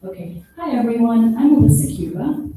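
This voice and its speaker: A woman gives an academic conference presentation, explaining her study at a measured pace. Her voice sounds very dark and dull, and she stands well back from the microphone. A strong echo from the hall surrounds every word. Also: a little high, animated, a little hiss or hum. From born in Peru, raised in the United States. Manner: measured and explanatory, stretching key terms. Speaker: special education professor presenting research. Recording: echoey room, voice distant from the mic.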